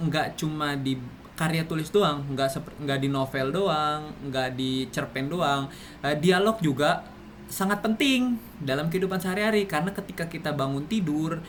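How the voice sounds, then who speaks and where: A man's voice: fairly high pitch, a bit bright, slight background noise. A man giving a classroom explanation, speaking with many fillers and restarts. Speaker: presenter.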